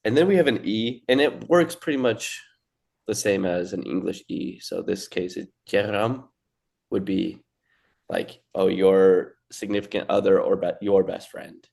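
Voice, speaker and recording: Young male co-host, gravelly, easygoing lesson delivery. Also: low-pitched, measured pace. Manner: relaxed, explains with fillers and restarts. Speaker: language teacher. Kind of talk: casual lesson.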